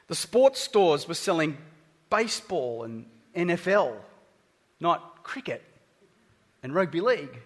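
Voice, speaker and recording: Speaking slowly with long pauses and big swings in pitch, this fairly high-voiced Australian preacher chats conversationally with his congregation. The sermon is recorded in a reverberant church hall.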